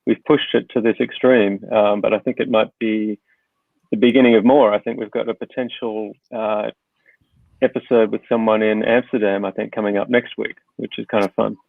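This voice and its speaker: A man hosting a casual podcast, his lowish voice gravelly and full of easy fillers as he rambles. He comes through a dry, tinny, phone-like line. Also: normal speed, no echo. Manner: relaxed, rambling with many fillers. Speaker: podcast host. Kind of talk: casual conversational interview. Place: home in Hong Kong. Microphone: video call.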